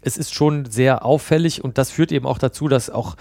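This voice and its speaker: A man's voice: medium pitch, fairly quick, vocal fry, a little mellow, no echo. Man, podcast guest, rambling anecdotal delivery, close dry sound. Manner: chatty, storytelling with many fillers. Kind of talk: casual podcast chat.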